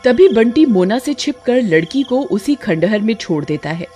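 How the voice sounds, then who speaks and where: A woman giving steady, scripted narration of a cartoon story. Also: on the high side, moderate pace, soft background music.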